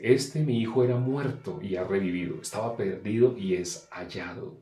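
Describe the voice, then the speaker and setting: Emphatic man preaching in an echoey room. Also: fairly low pitch. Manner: emphatic, asks and answers own questions, swings between loud and soft. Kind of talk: sermon.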